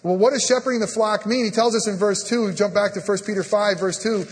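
A high-pitched male pastor preaches with animated swings from loud emphasis to a near whisper, acting out the dialogue of scripture. He leans on the filler "I mean". His voice rings with the long reverb of a church hall. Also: quick pace. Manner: animated preaching, voice rising and dropping to a hush. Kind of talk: sermon. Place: church sanctuary.

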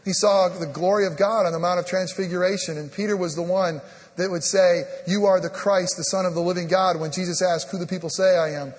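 A high-pitched male pastor preaches with animated swings from loud emphasis to a near whisper, acting out the dialogue of scripture. He leans on the filler "I mean". His voice rings with the long reverb of a church hall. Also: a little fast. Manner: animated preaching, voice rising and dropping to a hush. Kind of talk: sermon. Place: church sanctuary.

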